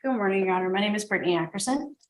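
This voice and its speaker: A woman's voice: medium pitch, racing. A woman giving a prepared statement to a judge as a character witness in court. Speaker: character witness, nonprofit assistant director.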